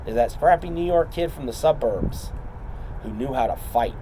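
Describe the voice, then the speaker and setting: A man playing a brooding wrestler calling out a rival champion in a measured, taunting wrestling promo, speaking deliberately. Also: medium pitch, expressive, background noise, lightly acted.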